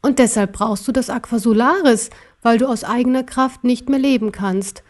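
A woman's voice: moderate pace, mellow, close to an everyday voice. Woman voicing an angry little teddy bear. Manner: high, urgent and indignant. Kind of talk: audiobook character voice.

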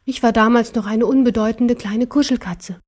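A woman reading a storybook aloud, voicing a sad, gentle cuddly cat with a soft, hesitant, sweet voice. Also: a little high, fairly even intonation, normal speed, natural voice. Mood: wistful.

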